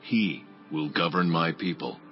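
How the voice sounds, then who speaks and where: Deep, slow voice of God. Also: male voice. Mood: grave, solemn. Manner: slow, solemn. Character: the Lord God, grave all-powerful divine voice. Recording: dull lo-fi audio with music. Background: background music.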